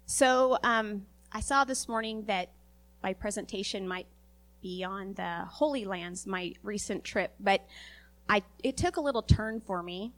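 Sniffly woman preaching to a congregation, earnest and a bit halting, mid-pitched voice. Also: a bit bright. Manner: earnest, halting, with many fillers. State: sniffly, recovering from a virus. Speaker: lay preacher. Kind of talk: church sermon.

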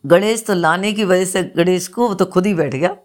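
A woman's voice: lowish voice, normal speed, a little mellow. A woman, telling a religious folk tale in a plain, homely way. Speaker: storyteller.

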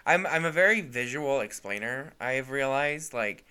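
A hesitant young man in his twenties chatting on a podcast and easily flustered by crude jokes. His voice is bright and sharp, and it comes across smooth and clear. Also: mid-range voice, lively intonation, normal speed. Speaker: podcast co-host. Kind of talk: casual chat.

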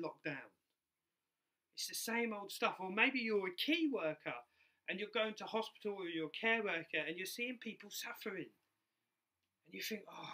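Bright, higher-voiced male preacher with soft R's. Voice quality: soft R's pronounced close to W. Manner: repeats key phrases for emphasis. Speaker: preacher in ministry. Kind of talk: sermon.

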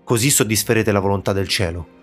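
A man's voice: fairly low pitch, quick pace, faint music behind, lightly acted. A man voicing a cunning elderly male court minister who speaks courteously and persuasively.

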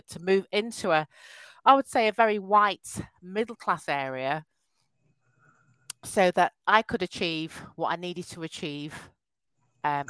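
A woman's voice: fairly low pitch, no echo, low-quality recording. A woman, a podcast guest telling her life story in a chatty way over a call. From England. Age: 50s. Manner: laughs often, warm and chatty, restarts sentences. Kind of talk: casual interview over a call.

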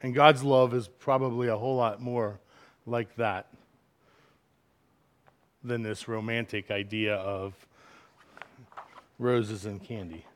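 A middle-aged man preaching a sermon as pastor, swinging from loud, emphatic lines to quiet asides. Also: mid-range voice, steady tone, takes it slowly, long pauses.

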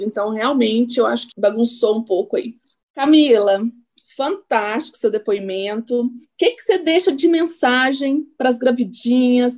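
A woman's voice: on the high side, darkish tone. A woman hosting an interview, asking questions and affirming her guest. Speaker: interview host.

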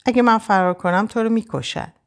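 A woman voicing a desperate young Frenchwoman, a captive who urges a friend to escape in hushed, pressing tones, in an audiobook. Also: mid-range voice, voice pushed up, lightly acted. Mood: earnest. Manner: urgent, hushed pleading.

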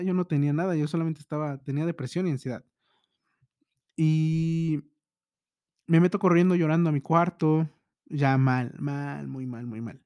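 A young man telling a personal story in a halting, emotional way, full of repeated restarts. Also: a little high, warm tone, no room sound, studio quality.

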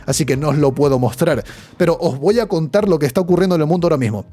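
A young man with a Spain Spanish accent, hosting a podcast in a chatty, slangy, animated way. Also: fairly high pitch, rapid-fire, faint music behind. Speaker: podcast host. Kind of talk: casual news chat.

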